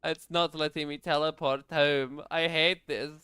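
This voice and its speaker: A young man plays a game on stream and grumbles at it, laughing and yelling in bursts. His voice is bright and very clear, with a lively, unhurried delivery. The sound is dry and close. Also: fairly high pitch, dry recording. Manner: frustrated, laughing, shouts in bursts. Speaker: gaming streamer. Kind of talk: casual gaming chat.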